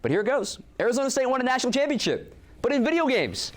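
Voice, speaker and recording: A man's voice: extremely high pitch, fast. A young man co-anchoring a student sports show, reading scripted stories and trading playful banter. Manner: lively, animated delivery with playful ribbing.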